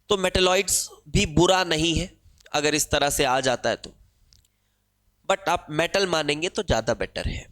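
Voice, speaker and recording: A man's voice: on the high side, fairly bright tone. An Indian man teaching an exam-prep chemistry lesson, explaining step by step and asking and answering his own questions. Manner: switches between Hindi and English phrases. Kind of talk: exam-prep problem-solving lecture.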